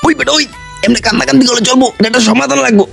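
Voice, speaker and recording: Brief: comic man, rapid gravelly high voice, moaning complaints. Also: fairly even intonation, over music. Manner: groaning, complaining, fast rough delivery. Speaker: comic actor. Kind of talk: slapstick comedy sketch.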